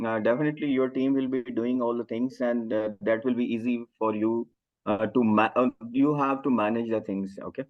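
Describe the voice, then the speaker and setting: A man giving informal software training, speaking in a halting, hesitant way with phrasing. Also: mid-range voice, fairly even intonation. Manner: halting, hesitant non-native English phrasing. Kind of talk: informal online training session. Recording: dull, lo-fi online call audio.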